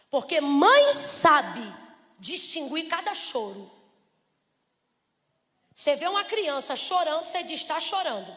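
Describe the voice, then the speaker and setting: A Brazilian woman preaching a lively church sermon, asking the congregation rhetorical questions and acting out little scenes. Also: high voice. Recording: reverberant church hall.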